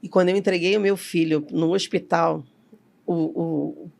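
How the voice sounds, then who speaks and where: A woman's voice: lowish voice, fairly even intonation, measured pace, creaky, a little mellow. A middle-aged woman, a company CEO telling a personal story as an interview guest and acting out the voices she quotes.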